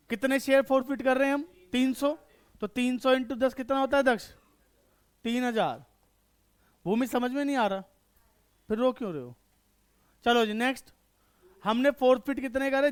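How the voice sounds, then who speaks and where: A man teaches an online accountancy lesson in a very high, smooth, resonant voice. He fires quick questions at his students and answers each one himself, checking again and again that they follow. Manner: repeats checks for understanding. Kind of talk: online class lecture.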